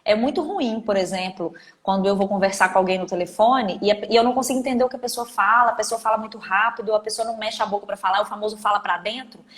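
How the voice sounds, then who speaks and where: A woman with a Brazilian Portuguese accent, leading a live online training on communication, talking in an animated and emphatic way with everyday examples. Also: medium pitch, fast talker, few pauses, echoey room.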